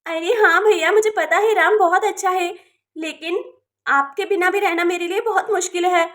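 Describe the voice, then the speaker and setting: A tearful, affectionate young bride from a village doll drama, voiced by a woman. She talks in an emotional, pleading way, in a very high, bright voice. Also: steady tone, moderate pace.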